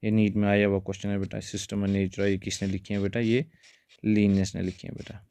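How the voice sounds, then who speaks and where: A male biology teacher explains exam points in a steady lecture, calling his students "beta" and mixing in English terms. His voice sits fairly low and barely rises or falls. The sound is dry and close, with no room echo. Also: fairly quick, vocal fry, clean tone.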